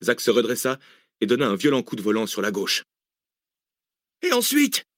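A man reading a thriller audiobook in steady, measured narration. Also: on the low side, no echo, clean studio sound. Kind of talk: scripted narration.

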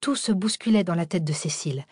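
A woman narrating an audiobook in an even, dramatic storytelling manner, on a close studio mic. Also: fairly low pitch, fairly quick, husky, no room sound. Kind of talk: scripted narration.

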